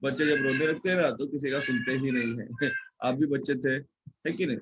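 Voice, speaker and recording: A man's voice: mid-range voice, fairly even intonation, a little fast, muffled recording, a little hiss or hum. A male teacher, teaching an online class and quizzing pupils with repeated questions. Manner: questioning, repeats key words. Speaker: school teacher.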